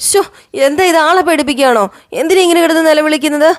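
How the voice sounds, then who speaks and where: A woman's voice: fairly high pitch, a little fast, close to an everyday voice. A woman voicing a flustered, naive young wife who is easily startled.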